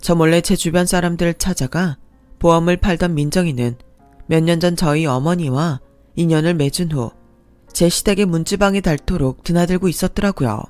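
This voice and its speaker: A woman telling her own story in calm, confiding first-person narration for a radio drama. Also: lowish voice, normal speed, no room sound, faint music behind.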